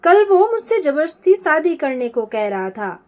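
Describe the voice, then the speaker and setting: A woman's voice: high-pitched, sing-song, unhurried, darkish tone. A woman voicing a frightened young woman who pleads through tears. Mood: tearful. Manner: pleading, trembling with fear.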